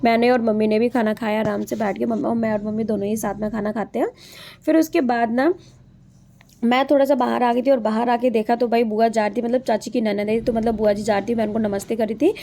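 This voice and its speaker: A woman's voice: on the high side, steady tone, brisk, mellow. A young woman vlogger, narrating her day in a chatty, rambling way with many fillers. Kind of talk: daily life vlog voice-over narration.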